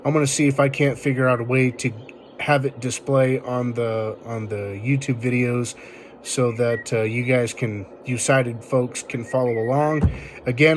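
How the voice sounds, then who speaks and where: A man with a mid-pitched voice walks listeners through a tech tip in an informal, step-by-step way. He talks casually, as the host of a tutorial. There is faint noise behind him.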